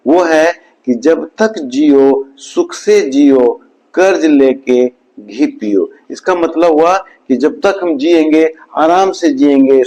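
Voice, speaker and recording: A man delivers a scripted motivational talk at a very unhurried pace. His pitch sits in the middle range, and his voice falls low and quiet at the close of each point. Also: low-quality recording. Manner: slow, measured delivery, dropping low at the end of each point. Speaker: motivational speaker.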